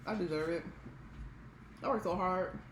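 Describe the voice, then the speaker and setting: A woman's voice: lowish voice, normal speed. A woman with an American accent chatting casually and candidly to viewers as a vlogger, with an emphatic way of talking. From Maryland, United States. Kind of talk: casual mukbang chat to viewers. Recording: roomy echo with background hiss.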